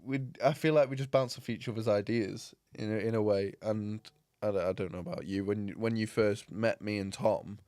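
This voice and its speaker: A young man co-hosting a podcast, chatting casually and joking with lots of laughter and quick asides. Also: lowish voice, warm tone, dry recording, studio quality. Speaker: podcast co-host. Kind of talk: casual chat.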